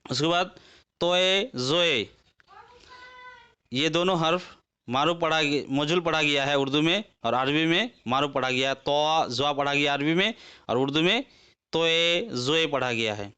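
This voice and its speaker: A man's voice: on the high side, moderate pace, pushed and bright, clean tone. A man teaching a lesson, reciting letters one by one and explaining them patiently. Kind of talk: slow alphabet lesson.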